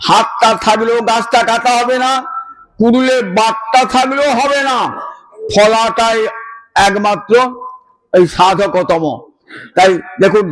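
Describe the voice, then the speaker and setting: A man's voice: sits high, poor audio. A man with a Bengali accent giving a devotional discourse, chanting verses and explaining them with emphatic repetition. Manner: emphatic, repeats phrases. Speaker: Gita preacher.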